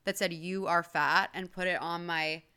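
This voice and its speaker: A woman's voice: lowish voice, fairly even intonation, normal speed, pushed and bright, clean tone. A woman, a comedian guesting on a podcast, chatting playfully with mock-dramatic asides. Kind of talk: casual chat.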